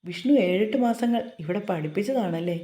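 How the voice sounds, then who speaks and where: A woman's voice: mid-range voice, brisk, warm tone, echoey room, close to an everyday voice. A woman voicing an affable, formal middle-aged college principal.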